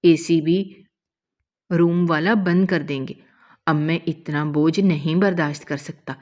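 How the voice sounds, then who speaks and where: A woman voicing a quick-tempered young husband. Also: deep voice, fairly even intonation, lo-fi sound, lightly acted. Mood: worried. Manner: scolds loudly, then softens. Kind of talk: emotional story reading.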